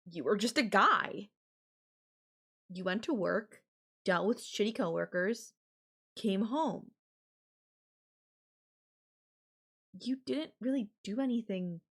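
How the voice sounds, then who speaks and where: A woman speaks in a mid-range voice with a condescending mood, playing a possessive, obsessive, murderous girlfriend for an ASMR audio roleplay. Her delivery is deliberate, full of drawn-out phrases and pauses.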